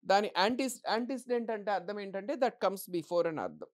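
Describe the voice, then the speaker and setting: A woman of medium pitch and lively intonation leads an exam-prep English grammar class. She poses questions and answers them herself, reading the English examples in a slow, deliberate way.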